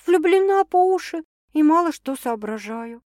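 A woman's voice: lively intonation, moderate pace, dry recording, clean studio sound. A woman voicing a young pregnant bride-to-be in an audiobook, nervous but cheerful. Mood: excited. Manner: bright, higher girlish delivery.

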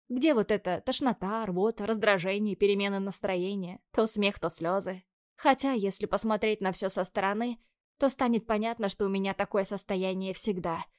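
A woman's voice: mid-range voice, a little mellow, no room sound. Young woman narrator, wry first-person read, dry booth sound, close mic. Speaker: audiobook narrator.

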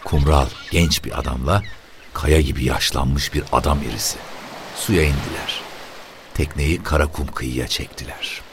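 A man narrating an audiobook in a slow, measured reading. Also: very deep voice, fairly even intonation, very noisy. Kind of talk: scripted narration.

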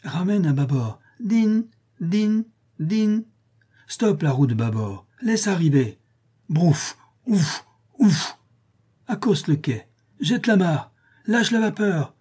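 A man's voice: high-pitched, very animated, slow, pauses often, breathy edge, voice pushed up, full character voice. A man voicing an eager young boy who pretends to be a steamboat, calling out commands and bell sounds in an audiobook reading. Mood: playful, shouting. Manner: shouted commands and bell noises.

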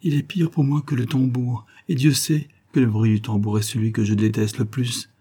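A man's voice: medium pitch, level tone, moderate pace, dark tone, slightly rough, natural voice. A man reading the part of a despairing, grumbling master of the house.

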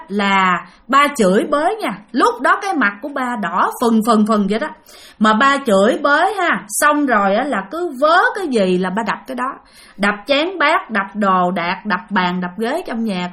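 A woman's voice: on the high side, a bit bright. A woman telling listener-sent ghost stories in a chatty, casual way, speaking to the audience and repeating herself for emphasis. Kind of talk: casual spoken storytelling.

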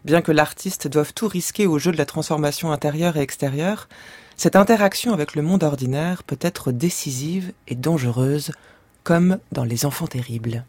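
A male radio host reading scripted narration at a measured, even pace. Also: on the high side, no echo.

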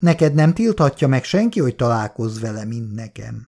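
A reader voicing Icu, a lively and outspoken young woman in a storybook reading. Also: extremely low pitch, exaggerated voice. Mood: urging.

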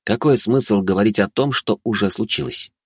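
A man narrating an audiobook with a wry, even storytelling manner. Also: on the low side, normal speed, slightly rough, dry recording, studio quality. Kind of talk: scripted narration.

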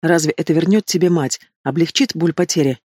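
A man's voice: fairly high pitch, a little fast, a little mellow, no room sound, studio quality, close to an everyday voice. Man reading a frightened captive young woman. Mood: pleading. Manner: pleading, tearful.

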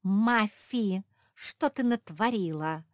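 A woman voicing the youngest little female pug, boastful and impatient, who shouts and bosses the others. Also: mid-range voice, unhurried, dry recording, studio quality, voice pushed up. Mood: shrill demanding. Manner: excited, bossy shouting.

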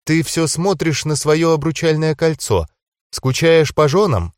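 Male narrator doing a gentle, insistent young werewolf healer girl, raised pitch, dry studio read. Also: a little slow, no room sound, close to an everyday voice. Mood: worried. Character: young female werewolf healer, caring and firm. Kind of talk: audiobook character voice.

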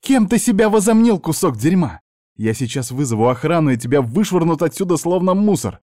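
A man reading an audiobook, voicing a young blonde woman who snaps and shouts at her uncle. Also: on the high side, very animated, normal speed, no echo, studio quality, pitched above the performer's own voice. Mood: furious. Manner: raised, snapping and shouting delivery. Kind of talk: audiobook character voice.

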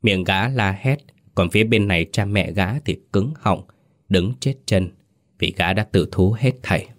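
Deep-voiced man narrating a ghost story. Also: unhurried.

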